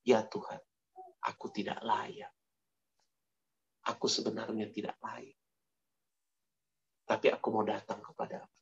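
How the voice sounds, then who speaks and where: A humble tax collector murmurs a low, quiet plea, as a preacher acts him out. His voice sounds lowly and repentant. The recording is a bit dull and lo-fi. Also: flat delivery, measured pace, creaky, pauses often, husky, heavily acted. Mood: humble pleading.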